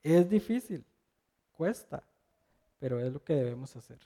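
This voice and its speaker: A man's voice: fairly high pitch, expressive, measured pace, mellow. A middle-aged man preaching a sermon, telling a personal anecdote in a conversational storytelling way with rhetorical questions.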